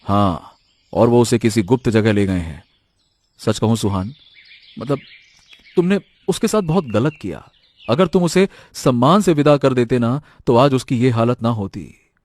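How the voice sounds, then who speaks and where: A man's voice: medium pitch, unhurried, a little mellow, no echo, natural voice. A man voicing a helpful young friend in a cartoon, earnest and advising.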